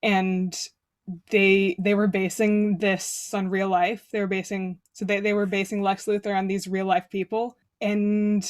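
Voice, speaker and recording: A woman's voice: medium pitch, level tone, measured pace, dry recording. A young woman hosts a casual podcast discussion in an easygoing, conversational way. She often circles back and restarts her phrases as she thinks aloud. Her voice sits in an ordinary middle register. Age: young adult. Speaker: podcast host.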